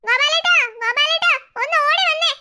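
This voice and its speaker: Someone voicing a frazzled cartoon mom, grumbly and bossy, high bright voice, talks quick. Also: heavily acted. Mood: alarmed. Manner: complaining, bossy. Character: busy mother, harried and sharp-tongued. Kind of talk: cartoon voice acting.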